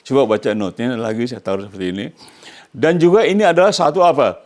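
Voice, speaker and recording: Preaching emphatically to his congregation, an older pastor with an Indonesian accent talks fast in a mid-range, darkish voice. He often poses questions so the congregation can complete his phrases, in a sermon from this man from Indonesia.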